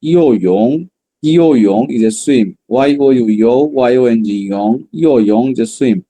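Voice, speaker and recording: A man teaching a Chinese vocabulary class, drilling words slowly and repeating them, then explaining in quick bursts. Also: mid-range voice, mellow. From Bangladesh. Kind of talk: online class lesson.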